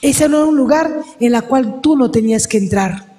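A woman's voice: sits high, moderate pace, mellow, in a large hall, slight background noise, natural voice. A woman voicing a stern but caring middle-aged father who talks in a firm, scolding way.

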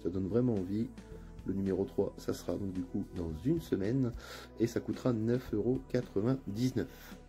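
A man with a northern French accent hosts his own channel, narrating a casual unboxing in a chatty, relaxed way with lots of hesitations. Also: lowish voice, moderate pace. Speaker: channel host. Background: faint background music.

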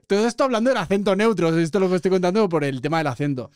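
A man's voice: high voice, racing, a little mellow, smooth, dry recording. A man with a Spanish accent from Spain, hosting a podcast interview and telling stories in a joking manner. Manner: jokey storyteller, laughs often. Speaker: podcast host. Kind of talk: casual interview chat.

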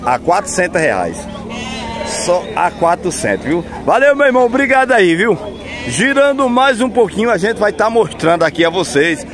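Brief: male vlogger, high voice, chatty and upbeat, loud market crowd behind. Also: expressive, moderate pace. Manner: chatty, upbeat, asks prices and repeats them. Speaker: vlogger touring a livestock market. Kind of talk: casual walk-around vlog with interviews. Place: crowded outdoor goat market.

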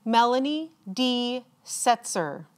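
Serving as a commencement announcer, a woman reads out names in a formal ceremonial style, enunciating in a measured, deliberate way with pauses. Her voice is on the high side and animated.

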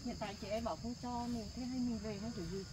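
A woman plays a whiny girlfriend who keeps complaining and wants to leave. Her voice is high. She is recorded outdoors in the countryside with loud noise and insects behind her. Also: steady tone, racing, lightly acted. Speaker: husband's girlfriend. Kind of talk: staged family drama vlog.

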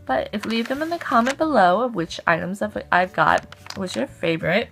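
This young woman's voice is mid-range, animated and a bit bright, at a normal pace, with soft background music. She's an upbeat, chatty vlogger doing a casual haul in her bedroom, filming close on a phone at arm's length and using plenty of ums.

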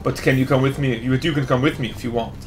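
A man's voice: medium pitch, fairly even intonation, fast, faint music behind, close to an everyday voice. A man doing a brash, teasing spy woman with a put-on Russian accent.

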